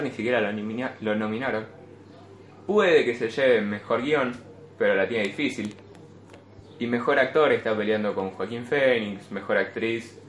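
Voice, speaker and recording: Young Rioplatense man, echoey room. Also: medium pitch. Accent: Rioplatense Spanish. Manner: blunt, swears freely, lively when excited. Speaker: podcast host. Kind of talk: casual film chat with friends. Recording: echoey room with faint noise.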